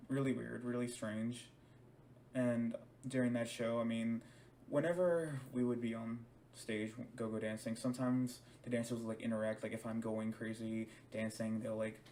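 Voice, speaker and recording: Hesitant young man speaking flatly, from afar. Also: mid-range voice, recorded from a distance, a little hiss or hum. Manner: hesitant, with restarts and repeated words. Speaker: DJ and stage performer. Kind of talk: personal account told to camera.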